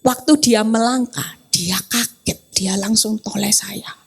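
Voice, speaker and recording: A woman evangelist preaching a sermon in a lively way to a church congregation, acting out the voices she quotes. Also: medium pitch, a little slow, gravelly, slightly rough. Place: church hall, on-site service.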